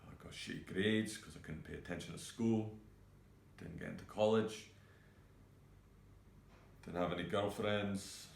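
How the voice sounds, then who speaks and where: Guy acting out a broken young cook, super low voice, stops n restarts a lot, echoey room. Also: vocal fry, slight background noise. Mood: subdued. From Scotland. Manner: hesitant, halting, many fillers and restarts. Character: grieving young male cook, halting and raw. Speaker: actor performing a monologue. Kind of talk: self-tape monologue.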